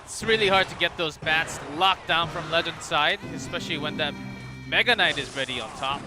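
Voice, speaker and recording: A man's voice: fairly high pitch, a little fast, music in the background. A man giving color commentary on an esports match, analytical, laughing often and restarting his sentences.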